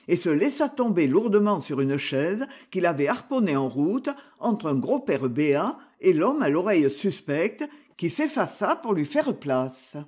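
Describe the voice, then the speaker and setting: Slow, husky audiobook narrator. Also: mid-range voice. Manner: measured, expressive reading. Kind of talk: scripted narration of a detective novel.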